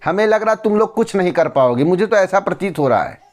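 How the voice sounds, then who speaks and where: A man's voice: high-pitched, animated, fast. A man hosting a news channel, giving blunt, lecturing commentary straight to camera and repeating phrases for emphasis.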